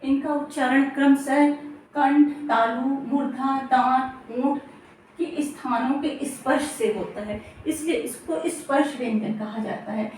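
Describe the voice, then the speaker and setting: A woman with a high voice teaches an exam-prep grammar lesson, repeating each term and checking in with her listeners. She sounds set back from the mic in a strongly echoing room, with faint hiss underneath. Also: fairly even intonation, a little slow, a little mellow. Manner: repeats terms, checks with "theek hai". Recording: very echoey room, distant mic.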